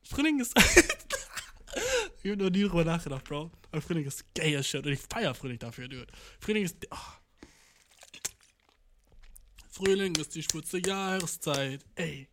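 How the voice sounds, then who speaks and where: A young streamer with a fairly high voice talks briskly, with few pauses, as he reacts to the news. The commentary is casual, slangy, and profane; he sprinkles in English and puts on mock voices for various countries.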